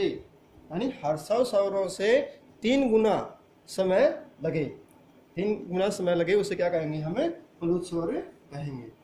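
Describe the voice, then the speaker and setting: Man, grammar teacher, high mellow voice, asks and answers his own questions, echoey room. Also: a little hiss or hum. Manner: asks the class questions and answers them himself. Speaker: school teacher. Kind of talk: Hindi grammar lesson.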